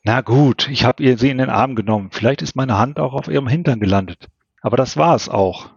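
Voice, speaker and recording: Ein Mann, der einen Teenager-Jungen liest, der sich rechtfertigt. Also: male voice, medium pitch, a little fast, creaky, slightly rough, no echo, muffled recording. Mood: defensive. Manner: justifying himself. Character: defensive teenage boy.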